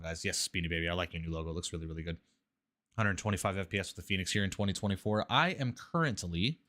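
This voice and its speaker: This man has a low-pitched voice with a sharp edge, heard through a headset mic as he streams a flight simulator with music playing behind him. He sounds a little stuffed up and nasal from a mild flu, yet keeps things cheerful while reading chat names and walking through the cockpit setup.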